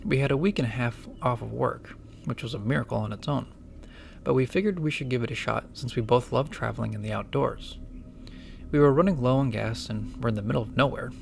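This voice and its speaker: Man acting as nervous, creaky-voiced young apprentice. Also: mid-range voice, brisk, faint music behind, lightly acted. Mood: hesitant, reporting. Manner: hesitant, stammering, apologetic. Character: nervous, deferential young male apprentice investigator. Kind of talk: audio drama acting.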